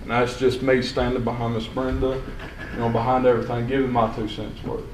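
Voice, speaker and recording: A young man from Sequatchie County, Tennessee speaks at a county meeting in a medium-pitched, level, brisk voice. His unscripted public comment is plain-spoken and rambling, full of restarts. The audio comes from a distant mic in an echoey hall with faint hiss.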